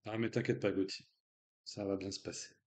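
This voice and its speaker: A man's voice: on the low side, little pitch movement, a little fast. A man hosting a live online quiz in a casual, joking way, with slang and lots of fillers. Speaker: quiz host.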